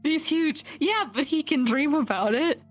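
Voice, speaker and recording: Giggly high-voiced woman gamer. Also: animated, a little slow, soft background music. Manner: giggly, swears freely, teasing. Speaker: tabletop game player. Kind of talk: casual in-character banter in a tabletop game.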